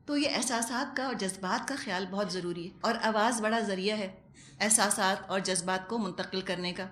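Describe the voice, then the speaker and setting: A woman's voice: mid-range voice, fairly bright tone, echoey room, a little hiss or hum. A woman teaching a Quran lesson to women in a conversational way, acting out everyday household calls. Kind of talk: lecture to women.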